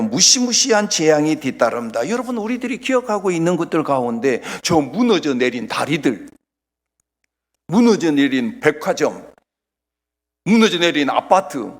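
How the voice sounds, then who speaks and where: A man preaches a Sunday sermon in his church, his fairly high voice rising and falling with lively emphasis. He presses points loudly, then drops almost to a whisper. Long reverb from the sanctuary trails each phrase. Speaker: pastor.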